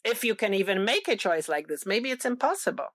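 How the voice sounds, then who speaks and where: A woman's voice: medium pitch, big pitch swings, a little fast, fairly bright tone, no echo. Curious woman interviewer with a dry sound. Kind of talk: casual interview chat.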